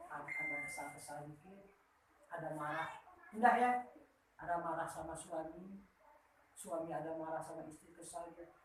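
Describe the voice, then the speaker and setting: A woman giving lively, teasing marriage advice at a wedding ceremony, checking in with the couple with a constant "ya?". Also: deep voice, moderate pace, long pauses. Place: marriage hall. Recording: very echoey hall, far from the mic, faint noise.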